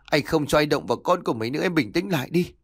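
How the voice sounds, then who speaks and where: Narrator playing young husband, weary, anxious, soothing, pleading, lively pitch. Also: male voice, fast, no room sound, clean studio sound.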